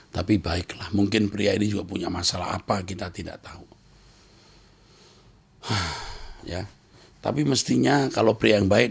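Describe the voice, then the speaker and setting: Middle-aged man, husky gravelly voice, blunt advice-show host reading letters. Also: low voice. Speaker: counselor answering listener letters.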